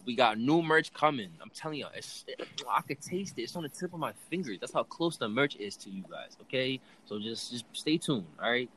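A man's voice: medium pitch, lively intonation, a little fast, a bit bright, low-quality recording. A young American man hosting a casual podcast in laid-back, slangy bro talk. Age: young adult. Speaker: podcast host. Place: remote call recording during quarantine. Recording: clear background noise.

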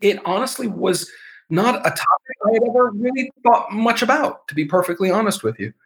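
A man gives an interview as a former business executive. His voice sits slightly high for a man. He talks candidly and laughs at himself a little. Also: lively intonation, a little fast, gravelly, fairly bright tone, low-quality recording.

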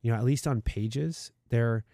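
A man co-hosting a casual podcast chat in a studio, talking in long animated runs. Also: unhurried, vocal fry, dry recording. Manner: animated, mocks clickbait in high put-on voices. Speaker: podcast co-host.

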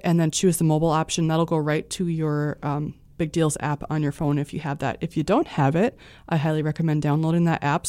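A woman's voice: low voice, mellow, no echo. An American woman chatting casually as co-host of a shopping deals show. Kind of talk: casual co-hosted chat.

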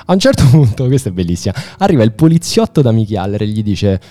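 A man's voice: on the low side, big pitch swings, fast, dark tone. A man telling a story to friends in an emphatic, informal way, acting out dialogue and repeating words. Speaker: podcast host recounting a TV series.

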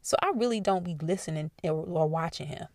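Animated woman podcast host, gravelly voice. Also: low voice, fairly quick, dry recording, clean studio sound. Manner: animated, talks straight to listeners as y'all. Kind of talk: casual commentary podcast.

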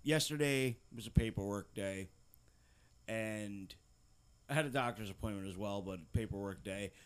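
A man's voice: lowish voice, moderate pace, clear, resonant tone. A man from Pennsylvania hosting a podcast, telling a work story casually and with plenty of swearing. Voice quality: profane, animated storyteller. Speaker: podcast host.

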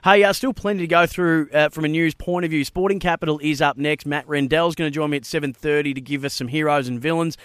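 A man's voice: fairly high pitch, fairly even intonation, fast talker, hardly any pauses, a bit bright, smooth, no room sound. An Australian man presenting a live sports talkback show and quiz on radio, close on a studio microphone.

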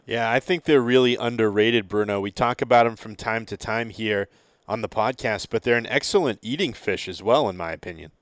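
A man hosts a fishing podcast interview in a clear, smooth voice. The sound is dry and close, with very little room around him. He speaks conversationally as he puts questions to guests. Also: lowish voice, fairly quick, no echo. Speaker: podcast host.

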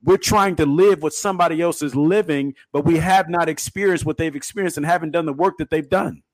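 With a higher-leaning voice and a brisk pace, a middle-aged podcast co-host talks emphatically on a talk show, preaching casually and repeating words frequently. The recording is dry.

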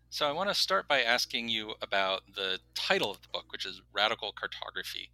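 A man hosting an interview podcast, reading a prepared intro and asking clear questions. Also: fairly low pitch, pushed and bright, no room sound, poor audio. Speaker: podcast host.

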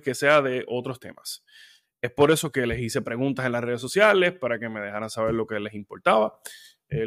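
A man's voice: medium pitch, fairly bright tone. Casual talking man hosting a sports podcast. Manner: conversational, heated rants with fillers. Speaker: podcast host.

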